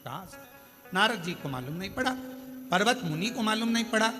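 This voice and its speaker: A man's voice: sits high, expressive, fairly quick, in a large hall, over music. A man delivering a sermon, preaching in dramatic bursts with many rhetorical questions.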